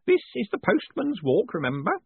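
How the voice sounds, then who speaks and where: A man voicing a fussy, eager old male postman who keeps calling people sir in a hoarse whisper. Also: sits high, wildly swooping pitch, normal speed, no echo, narrow, tinny audio, pitched above the performer's own voice, full character voice. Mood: proud.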